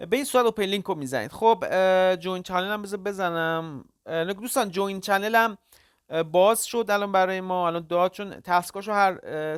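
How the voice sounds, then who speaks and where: Halting, casual tutorial host, dry sound. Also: mid-range voice, clear, resonant tone, no echo. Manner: talks step by step, halting with frequent "uh" fillers; addresses viewers as kids and friends. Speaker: crypto tutorial channel host. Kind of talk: casual screen-recorded walkthrough.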